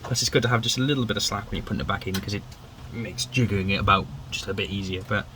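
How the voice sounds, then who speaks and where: In a very noisy garage workshop, a car build vlogger races through a chatty, self-deprecating how-to as he works on his car. He has a lowish voice with fairly even intonation and tends to ramble.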